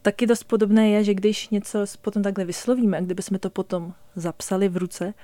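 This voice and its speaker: Warm-voiced woman explaining calmly. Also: medium pitch, no room sound. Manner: measured, deliberate explaining. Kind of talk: explanatory talk.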